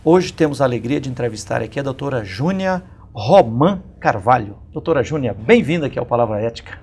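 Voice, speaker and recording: A man from Minas Gerais with a Brazilian accent hosting a community TV interview, speaking slowly with many pauses and fillers. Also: medium pitch, animated, gravelly, darkish tone, husky. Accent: Brazilian Portuguese, Minas Gerais. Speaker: TV program host and interviewer.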